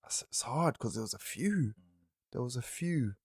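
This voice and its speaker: Laid-back guest, dry mic. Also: male voice, mid-range voice, moderate pace, slightly rough, no echo. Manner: relaxed, laughs easily, repeats phrases. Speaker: podcast guest, entrepreneur. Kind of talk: interview answer.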